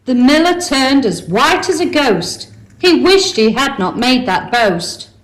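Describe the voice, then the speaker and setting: A woman's voice: high-pitched, very animated, slow. A woman narrating a rhyming pantomime story in a theatrical storytelling manner. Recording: echoey room with clear noise.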